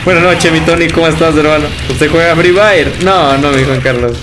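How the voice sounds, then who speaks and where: A young Mexican game streamer with a Mexican Spanish accent chats casually with viewers on a livestream from an indoor room at home, reading their comments, laughing often and calling them brother. His voice is on the high side, steady and moderately paced. The background is noisy, with game music playing loudly behind him.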